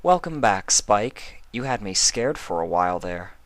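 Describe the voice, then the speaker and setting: A man voicing a gentle, regal pony princess with a soft manner. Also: fairly low pitch, sing-song, measured pace, soft background music, pitched above the performer's own voice. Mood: soothing.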